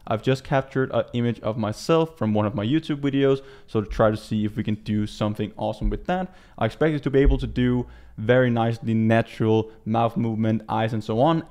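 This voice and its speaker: A Danish man in his twenties, a native speaker with a Danish accent and a medium-pitched voice, presents a casual software walkthrough tutorial from a small indoor room.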